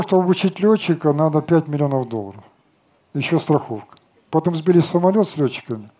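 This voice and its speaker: A man's voice: fairly high pitch, dark tone. A man in his sixties speaking confidently on an outdoor festival stage, lecturing and answering audience questions with rhetorical questions. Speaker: company chief designer answering questions.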